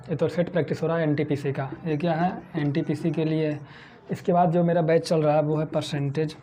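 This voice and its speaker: A man's voice: fairly high pitch, dark tone. A man from India teaching a math lesson for exam prep, who keeps asking his own questions and answering them.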